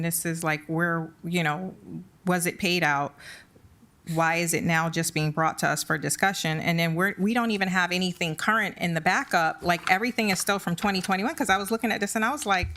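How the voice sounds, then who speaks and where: A woman, a town commissioner, who presses her concerns in an earnest, insistent way during a commission meeting. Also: lowish voice. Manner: earnest, confused and insistent, fast and lively. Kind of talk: meeting debate.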